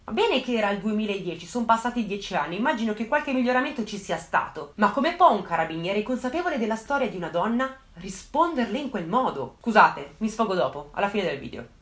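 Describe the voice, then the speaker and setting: A woman tells a true crime story in a mid-pitched voice, speaking straight to her viewers. She grows indignant and breaks off with outraged asides. The room around her voice sounds roomy and echoey. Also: sing-song, brisk, a bit bright.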